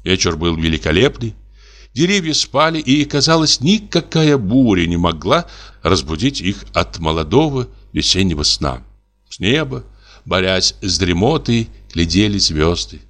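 A man narrating a classic short story as an audiobook reader, measured and expressive. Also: low voice. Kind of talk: literary narration.

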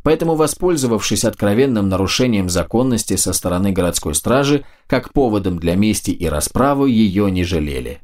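Low-voiced man narrating a fantasy audiobook. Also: darkish tone.

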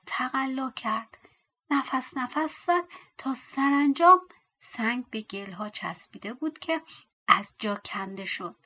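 A woman's voice: a little high, pushed and bright, husky. A woman narrating a fairy tale audiobook expressively, dropping to a whisper at tense moments. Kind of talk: storytelling narration.

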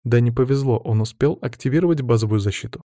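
A male reader voicing a caring young female healer in an audiobook, speaking softly with concern. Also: medium pitch, quick pace, no room sound, clean studio sound, natural voice.

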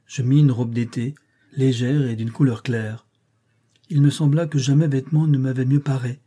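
A man narrating a classic novel as an audiobook reader, in a steady, measured way. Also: mid-range voice, breathy edge. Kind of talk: scripted narration.

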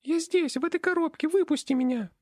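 A man voicing a tiny squeaky trapped spirit that pleads to be set free, in an audiobook. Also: a little fast, a little mellow, recorded from a distance. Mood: urgent. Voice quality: piercing squeak. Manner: pleading, insistent. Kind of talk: audiobook character voice.

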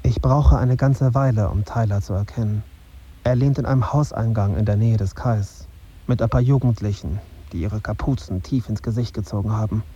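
In a radio drama, a man with a lowish, dark, slightly rough voice plays a dazed, gloomy young journalist, voicing his inner thoughts tersely and broodingly at a moderate pace. The sound is dull, with faint ambient noise.

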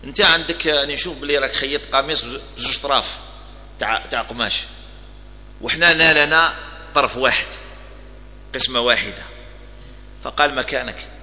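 A man's voice: medium pitch, brisk, pauses often, bright, forceful tone, big-room sound. A man with an Algerian accent giving a religious lesson, telling stories and moving between formal Arabic and dialect. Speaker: preacher.

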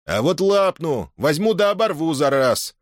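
A man voicing a brash, drunk young front soldier who shouts defiantly. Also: a little high, sing-song, unhurried, no echo, studio quality, pitched above the performer's own voice.

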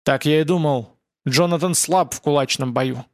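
Gravelly, blunt, commanding veteran priest in his fifties, voiced by the man who narrates, dry close sound. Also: on the high side, moderate pace, dry recording, natural voice. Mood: hostile. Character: gruff older male priest, war veteran.

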